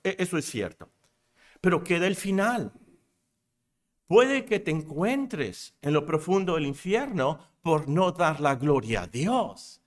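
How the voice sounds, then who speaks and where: A man preaching a sermon in church, with emphatic delivery that acts out the voices he quotes. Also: mid-range voice. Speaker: pastor.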